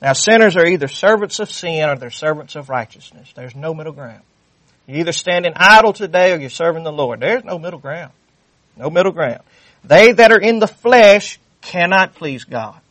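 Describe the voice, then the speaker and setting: A man's voice: a little high, expressive, normal speed, fairly bright tone, dry recording. A man preaching a sermon, fervent and repetitive, reading scripture aloud with rising intensity. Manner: fervent, repeats phrases, reads scripture aloud.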